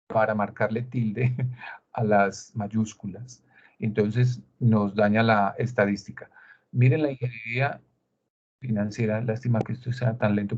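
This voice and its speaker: A man's voice: mid-range voice, a little mellow. A man with a Colombian Spanish accent gives a screen-share tutorial, explaining step by step and asking rhetorical questions. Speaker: instructor. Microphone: video call. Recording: dull lo-fi video call audio.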